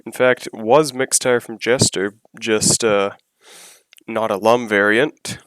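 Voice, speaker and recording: A slightly sick man giving relaxed, analytical play-by-play commentary on a video game battle, often pausing with "so" and "yeah" and clearing his throat. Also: fairly low pitch, no echo. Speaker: match commentator.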